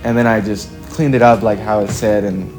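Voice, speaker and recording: This young man from Chile, a musician being interviewed, has a low, darkish voice and a steady tone, with faint music behind him. His casual answers come out reflective and halting, full of "like" and "kinda."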